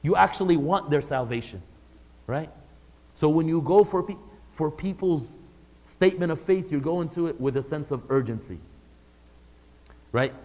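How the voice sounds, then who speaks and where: A religious teacher with a fairly high, darkish voice leads a live class in a conversational manner, putting questions to the audience. Long hall reverb fills the recording.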